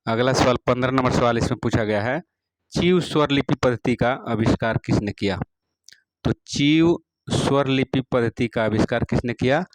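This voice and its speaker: A man teaching music, reading out practice exam questions and their answers one by one, repeating each question and adding a steady "all right" after each answer. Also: mid-range voice, normal speed, no echo, poor audio. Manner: repeats each question, fills with "theek hai ji".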